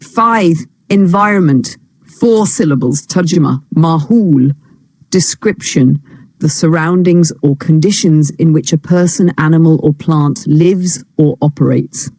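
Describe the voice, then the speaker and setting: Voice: medium pitch, creaky, mellow, no room sound. An English teacher, reading a textbook lesson, giving each English phrase and then its meaning.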